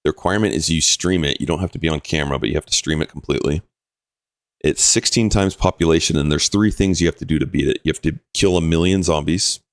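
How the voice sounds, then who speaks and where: Man, game streamer, very deep voice, dry sound, casual explaining to chat. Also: rapid-fire, hardly any pauses, dry recording. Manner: relaxed, explains game rules while answering chat. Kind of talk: casual live-stream commentary.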